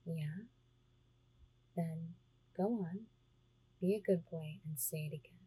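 A woman with a low, mellow voice speaks slowly right at the microphone in an intimate roleplay. Her tone is very breathy and husky, and she teases, easing in and out of whispers. The delivery stays hushed and close throughout. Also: steady tone, no echo, poor audio. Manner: teasing, slips between soft talk and whispers. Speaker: audio roleplay performer.

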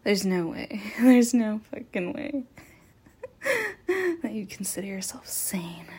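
A woman playing a sadistic, unhinged female killer in an adult audio roleplay, talking in a breathy whisper broken by laughs. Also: mid-range voice, sing-song, slow pace, darkish tone, heavily acted. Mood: taunting whisper.

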